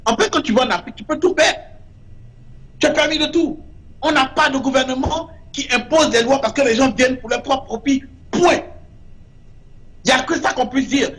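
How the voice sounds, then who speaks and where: A man's voice: extremely high pitch, normal speed, long pauses, fairly bright tone. A man, a guest artist in an interview, speaking with emphasis and repeating short verdicts. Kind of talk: impassioned interview talk.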